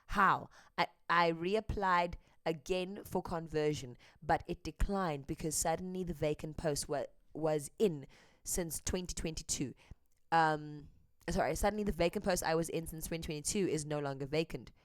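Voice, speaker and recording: This woman, whose first language is English, hosts with earnest, candid commentary, translating a clip on the fly amid frequent hesitant ums. She talks at a moderate pace in a low voice, and there's no echo.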